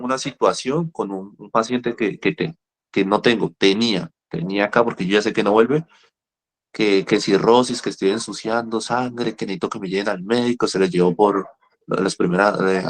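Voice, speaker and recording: A middle-aged man counseling people in recovery in a lively talk. He tells stories, repeats himself and speaks straight to his listeners. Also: lowish voice. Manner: animated, repeats words, speaks directly to listeners. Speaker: rehab counselor. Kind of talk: motivational talk with storytelling.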